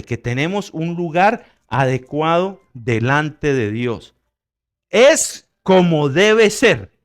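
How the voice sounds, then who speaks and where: A middle-aged man preaching a sermon as pastor. He jokes with the congregation, asks if they are following, and swings between loud, emphatic peaks and quiet asides. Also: a little high.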